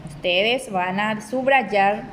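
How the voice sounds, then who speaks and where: Slow-speaking woman teacher. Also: mid-range voice, a bit bright, slight background noise, low-quality recording. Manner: slow, deliberate, spells out syllables for children. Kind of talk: slow recorded remote lesson.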